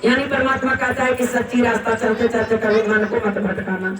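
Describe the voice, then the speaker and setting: Earnest woman preacher with a high voice, storytelling sermon, heard far off in a roomy hall with noise around. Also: normal speed. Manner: earnest, animated, addresses listeners as sister. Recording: roomy hall, distant mic, crowd noise.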